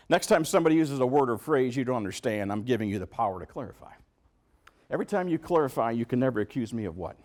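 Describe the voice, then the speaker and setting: A man giving a motivational talk at a business meeting, asking the audience questions and acting out quotes. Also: medium pitch. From New York. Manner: animated, asks the audience questions, acts out quotes. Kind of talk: motivational speech.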